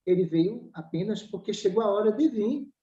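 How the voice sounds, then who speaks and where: A woman's voice: mid-range voice, lively intonation, normal speed, warm tone. Woman, Brazilian Portuguese accent, spiritual doctor, emphatic, rhetorical questions, roomy echo. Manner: emphatic, acts out dialogues and fires rhetorical questions. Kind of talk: explanatory talk in a spiritual study podcast. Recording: roomy, dull lo-fi recording.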